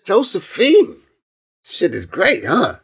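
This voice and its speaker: A man's voice: high-pitched, wildly swooping pitch, slow, gravelly, fairly bright tone, husky, pitched above the performer's own voice, heavily acted. A man voicing an exuberant young male friend who talks in playful, teasing slang. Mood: hyped.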